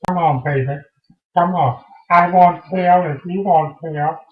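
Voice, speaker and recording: Lecherous pushy old man, low crooning, man performing, muffled, roomy. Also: a little slow, close to an everyday voice. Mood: coaxing. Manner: low crooning come-ons.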